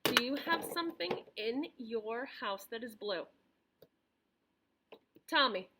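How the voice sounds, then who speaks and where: Female preschool teacher, toddler-directed delivery: slow, high-pitched, encouraging, with pauses for children to answer. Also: expressive, very noisy. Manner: encouraging, simple phrases with pauses for replies. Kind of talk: lesson for young children, speaking as if reading to a toddler.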